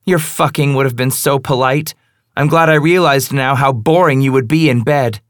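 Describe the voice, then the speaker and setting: Mocking young woman, provocative and cutting, put on by a male reader; sits high above a low voice. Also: normal speed, no echo, clean studio sound, natural voice. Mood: taunting. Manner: taunting, teasing.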